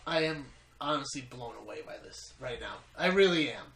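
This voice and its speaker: A man with a bright, forceful voice talks casually about beer. He sounds tipsy, emphatic and repetitive, with casual swearing. The room echoes and has faint noise. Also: medium pitch, animated, fairly quick. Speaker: beer reviewer.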